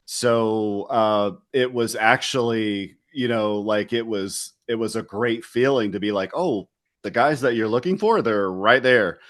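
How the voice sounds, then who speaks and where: A man's voice: lowish voice, unhurried, fairly bright tone. A middle-aged man from West Virginia, a retired soldier and interview guest, talking candidly and reflectively in a loose casual way. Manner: reflective and candid, loose with fillers like "you know".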